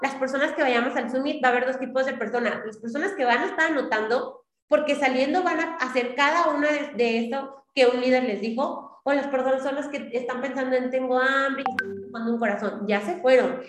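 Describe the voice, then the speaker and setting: A woman's voice: high-pitched, fairly even intonation, a little fast, hardly any pauses, reverberant, faint music behind. A young adult woman giving a motivational business talk on a video call, coaching and repeating her points with frequent checks for agreement. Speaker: business team leader.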